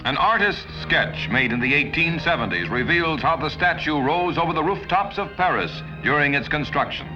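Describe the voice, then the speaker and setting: A man's voice: on the high side, lively intonation, normal speed, few pauses. Man narrating an old 1950s newsreel. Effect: old newsreel soundtrack. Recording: dull lo-fi 1950s film sound with loud music.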